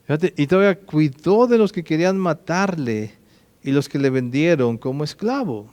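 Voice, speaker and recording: Man preaching, fairly high voice. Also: animated, normal speed, a little mellow, no echo. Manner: exhorting with direct questions to listeners. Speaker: pastor. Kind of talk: sermon.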